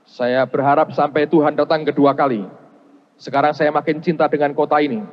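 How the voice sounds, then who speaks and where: Storytelling male pastor in a reverberant hall. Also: fairly even intonation. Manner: storytelling preacher, slows and drops low for quoted prayers and God's words. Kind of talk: sermon. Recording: dull sound with long hall reverb.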